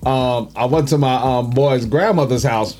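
A man's voice: medium pitch, unhurried, dark tone, faint music behind. A man telling casual, profane anecdotes in a loose, rambling way as a podcast co-host. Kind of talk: casual storytelling chat.

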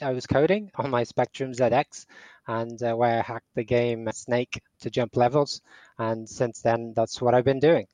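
A man in his forties who was raised in Portugal speaks at medium pitch with a darkish tone, on a dry recording with poor audio. As a startup CTO guest on a podcast interview, he answers questions hesitantly, often restarting and repeating words.

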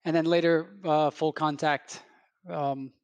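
A man hosting a podcast, introducing a guest and asking questions in a relaxed, conversational way. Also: a little high, takes it slowly, dry recording. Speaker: podcast host. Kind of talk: podcast interview.

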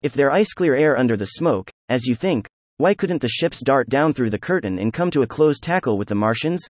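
An audiobook narrator reads a classic science fiction story aloud from a script, his delivery even and unhurried, with the dialogue read with little change of voice. His pitch is medium and the recording dry.

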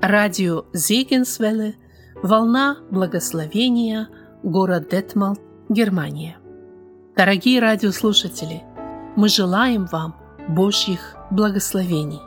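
A woman announcer reading a scripted sign-off in a measured public radio host manner. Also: mid-range voice, soft background music. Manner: slow, measured delivery. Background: musical instrument playing behind the voice.

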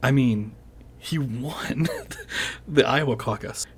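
A man in casual podcast chat, talking in animated bursts with frequent restarts and laughs. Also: medium pitch, slow pace, husky. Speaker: podcast guest.

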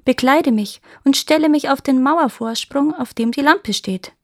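Bold, high lizard girl from a fairy tale, read by a woman, commanding. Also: a little slow, no echo, studio quality. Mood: calm. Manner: commanding, calls out sharply.

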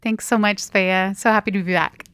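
A woman's voice: mid-range voice, steady tone, normal speed, a bit bright, clear, resonant tone, dry recording. A woman chatting as a guest in a conversational Bible study discussion. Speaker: returning podcast guest.

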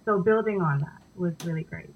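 A woman's voice: lowish voice, a little fast. A young woman born in India, a dance company co-founder, answering interview questions thoughtfully with frequent fillers. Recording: dull, lo-fi sound.

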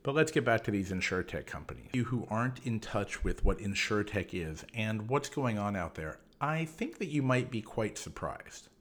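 A man hosting a solo explanatory podcast, talking in a measured, instructive way. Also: on the low side, expressive, a bit bright. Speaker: podcast host.

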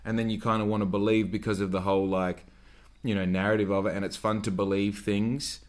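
Low-voiced man in his twenties rambling on a podcast. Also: flat delivery, a little fast, a little mellow. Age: 20s. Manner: rambling, profane, filler-heavy with frequent "like". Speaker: podcast host. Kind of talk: solo podcast monologue.

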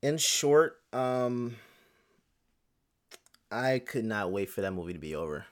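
Deep-voiced laid-back podcast co-host. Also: male voice, lively intonation, unhurried. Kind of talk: casual chat.

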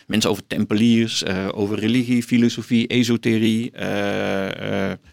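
A middle-aged professor, appearing as an interview guest, explains books conversationally, thoughtful and halting, repeating words while searching for phrasing. His voice is lowish and creaky with fairly even intonation.

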